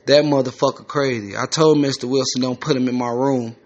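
A man's voice: medium pitch, steady tone, a little fast, highs cut off, natural voice. A man voicing a fed-up, slangy teenage boy in rehab. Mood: annoyed. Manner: blunt, slangy, swearing.

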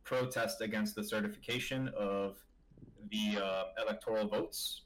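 A man in a casual group chat, calmly explaining things at length in a measured way. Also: on the low side, a little hiss or hum, poor audio.

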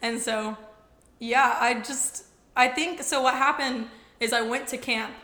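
A young American woman co-hosts a podcast in a husky yet bright voice. She chats in a bubbly, slangy, informal way, pitched a little high. The room adds a noticeable echo. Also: fairly even intonation, measured pace, slight background noise. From Texas, United States. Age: early 20s. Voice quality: husky from vocal nodules. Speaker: podcast co-host. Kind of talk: casual chat. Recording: roomy, echoing room sound.

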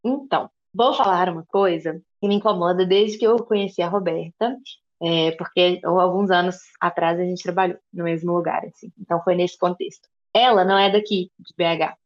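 A woman's voice: fairly low pitch, fairly even intonation, brisk, dull audio. A woman from the interior of Minas Gerais with a Minas Gerais accent, co-hosting a podcast and telling stories in a chatty, rambling way. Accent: Minas Gerais Portuguese. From interior of Minas Gerais, Brazil. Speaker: podcast co-host. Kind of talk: casual chat.

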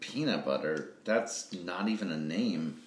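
A man's voice: low voice, animated, a little slow, pitched below the performer's own voice. A man reading the part of an incredulous jellyfish in a children's storybook, questioning and disbelieving. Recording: echoey room with faint noise.

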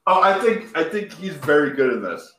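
Lively-voiced man in a roomy, faintly noisy recording. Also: on the high side. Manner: halting, searching for words, repeats himself. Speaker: podcast co-host. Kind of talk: casual movie-discussion chat.

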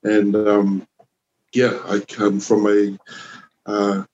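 A man in his forties from New Zealand, a youth worker chatting as a podcast guest, relaxed and rambling with lots of "you know" and "man". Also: on the low side, very slow, highs cut off, slight background noise. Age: 40s. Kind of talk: casual conversation.

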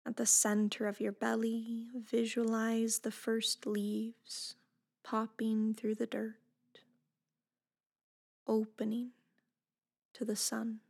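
Her delivery completely flat and her pitch on the high side, a woman speaks meditation guidance gently and without hurry. The voice is breathy and soft, with phrase endings sinking close to a whisper.

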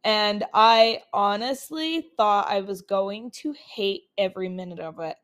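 A podcast host from Utah, young and chatty, talks unhurriedly at medium pitch with a fairly bright tone. Using her laptop's built-in mic for this casual solo show, she stays upbeat and uses plenty of fillers, her voice still healing from colds.

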